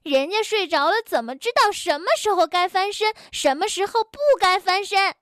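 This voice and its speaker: A woman voicing an excitable young male rabbit in a children's story, who is quick to anger and bursts out in shrill, indignant cries. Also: dry recording.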